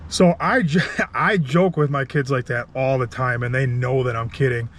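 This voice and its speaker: A man's voice: mid-range voice, moderate pace, slight background noise. A man in his thirties, a contractor vlogging casually from an outdoor building site, telling a story with a chatty, laughing manner. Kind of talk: casual vlog talk to camera.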